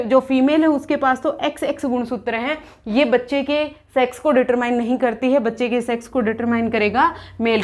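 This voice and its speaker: High-voiced woman teaching an exam lesson. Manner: explains by asking questions and answering them; restates terms in both English and Hindi. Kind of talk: exam-prep lecture.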